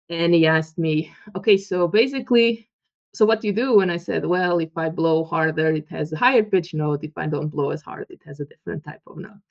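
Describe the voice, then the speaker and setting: In muffled, lo-fi audio, a guest researcher from Portugal chats in a casual interview. This woman in her thirties has a Portuguese accent and a voice on the low side, and she animatedly acts out quoted dialogue, laughing as she goes.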